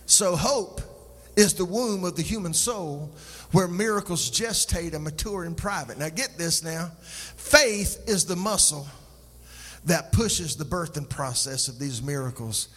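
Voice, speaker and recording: A man's voice: a little high, unhurried, a bit bright, long reverb tail. A male pastor preaching a sermon, calling out to the congregation for response and sliding into a sung, rhythmic cadence. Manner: call-and-response, sing-song preaching cadence.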